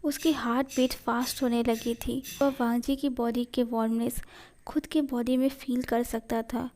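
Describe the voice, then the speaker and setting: A woman reading a fan fiction story aloud, narrating it at a steady, even pace. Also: on the high side, measured pace. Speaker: story reader.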